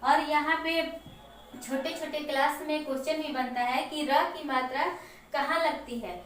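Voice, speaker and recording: A woman teacher explaining a Hindi lesson to children slowly and step by step, with example words. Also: high voice, steady tone, a bit bright. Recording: echoey room, mic far off, faint noise.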